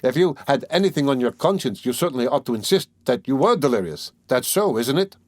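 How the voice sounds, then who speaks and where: A man's voice: mid-range voice, expressive, fairly quick, no room sound, studio quality, lightly acted. A man voicing a sly, genial middle-aged examining lawyer who talks in a fussy, teasing way, in an audiobook reading. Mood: sly, chatty.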